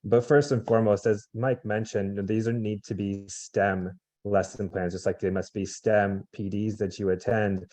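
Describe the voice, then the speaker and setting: Calm low-voiced teacher explaining. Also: male voice, dry recording. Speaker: teacher and lesson plan reviewer. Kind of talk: webinar briefing.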